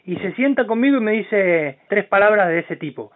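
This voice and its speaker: A man hosting a podcast, talking in a blunt, profane, animated way. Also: high-pitched, moderate pace. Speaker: podcast host. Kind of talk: casual podcast chat. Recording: tinny phone-like sound.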